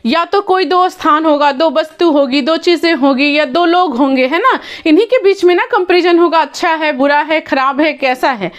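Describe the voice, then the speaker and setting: A woman teaching English grammar in a classroom style, switching between Hindi and English with an Indian accent, asking her students questions and stretching out her English phrases. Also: high voice. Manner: slow, drawn-out English phrases, quicker Hindi explanations.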